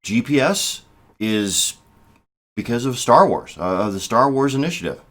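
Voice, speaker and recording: A man in his fifties talking through political commentary to the camera, measured and halting, with restarts and emphatic stresses. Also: medium pitch, very animated, fairly bright tone. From United States. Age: 50s. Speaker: political vlogger. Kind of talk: casual spoken commentary.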